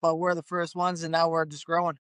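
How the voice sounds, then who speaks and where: A man's voice: fairly high pitch, completely flat delivery, a little fast, fairly bright tone, clean tone, no echo. A man being interviewed as a bare knuckle fighter, talking in an easygoing way and laughing often. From Canada. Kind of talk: casual interview.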